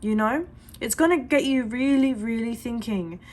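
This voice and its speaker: A woman doing a psychic reading for a client in a slightly high voice. She talks in an earnest, reassuring, chatty way and keeps saying what she sees. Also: moderate pace, darkish tone. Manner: earnest and reassuring, repeats "I do see"; chatty, with many fillers and restarts. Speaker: psychic reader. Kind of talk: reading coffee grounds to a client.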